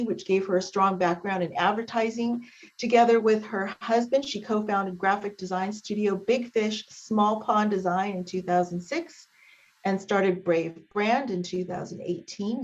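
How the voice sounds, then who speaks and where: A woman hosting a meeting, reading a guest introduction with many um pauses over a video call. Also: mid-range voice. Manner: warm filler-laden reading, with um pauses. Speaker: meeting host introducing a speaker. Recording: dull lo-fi video call audio.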